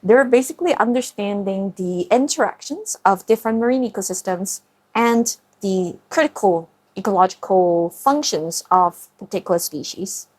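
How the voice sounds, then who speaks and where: In a documentary interview, a thirtysomething woman from Hong Kong talks thoughtfully in Hong Kong-accented English about her life as a marine scientist and company founder. Her medium-pitched voice is expressive and a little mellow, and she pauses often with ums and uhs.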